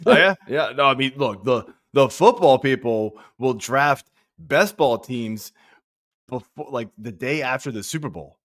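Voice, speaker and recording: Speaking in a medium-pitched, fairly bright, animated voice at a slightly slow pace, a man in his thirties guests as a fantasy football analyst on a sports podcast. He chats casually and meanders, with many restarts and frequent "I mean"s. The sound is clean studio audio without echo.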